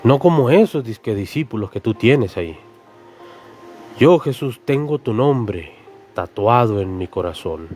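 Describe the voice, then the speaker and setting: An earnest, boastful adult male disciple, as a preacher puts him on, pleading and insisting as he swears loyalty over and over. His voice sits at a middling pitch, and faint music plays underneath. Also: lively intonation, measured pace, a little mellow, natural voice. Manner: pleading, insistent, repeats the friend's name often. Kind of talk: sermon storytelling with acted voices.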